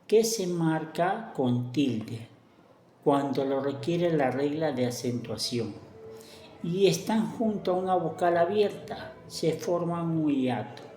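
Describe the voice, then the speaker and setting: A woman teaching a grammar lesson, speaking slowly and deliberately and spelling out example words one at a time. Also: sits low, mellow, reverberant.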